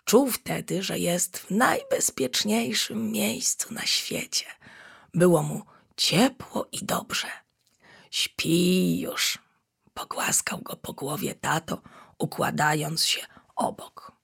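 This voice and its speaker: A woman reading a bedtime story in a hushed, slow, soothing whisper. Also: medium pitch, animated, vocal fry, husky.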